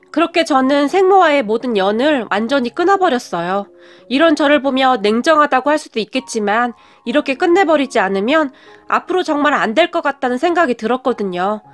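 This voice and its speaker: A woman reads a first-person story in a high, bright-sounding voice. Her delivery is even and measured. Soft music plays faintly underneath. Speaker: narrator.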